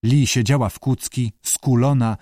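A man narrating an audiobook in a lively, expressive storytelling manner. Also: medium pitch, a little slow, no room sound, clean studio sound. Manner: lively storyteller who acts out characters.

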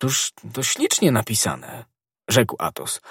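A man's voice: mid-range voice, wildly swooping pitch, takes it slowly, a bit bright, breathy edge, no echo, clean studio sound, heavily acted. Athos, a stern noble musketeer, read by a man. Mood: approving. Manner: grave, admonishing. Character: proud stern nobleman musketeer, older friend.

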